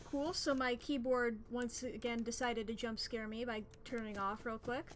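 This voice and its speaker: A woman's voice: fairly high pitch, flat delivery, moderate pace, slight background noise. A woman doing live commentary on a horror game as a streamer, complaining and swearing freely as she plays. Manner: profane, complaining, ranting.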